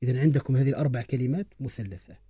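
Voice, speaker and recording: A man teaching an Islamic lesson to a class, explaining terms and slowly repeating lines for students to write down. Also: mid-range voice, dark tone, breathy edge, no echo.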